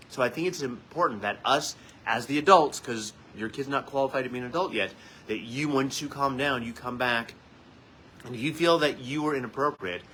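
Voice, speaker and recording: Male therapist host, bright and forward tone, casual earnest advice delivery, mid-range pitch. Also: slight background noise, rough recording. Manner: earnest and conversational, with frequent "so" and "you guys". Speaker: licensed marriage and family therapist; host of a weekly parenting tips segment. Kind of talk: casual spoken advice to parents.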